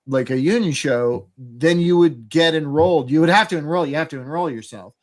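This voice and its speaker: A man's voice: a little high, a little fast. A man co-hosting a podcast in casual chat, rambling with lots of fillers and frequent laughter. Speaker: podcast co-host.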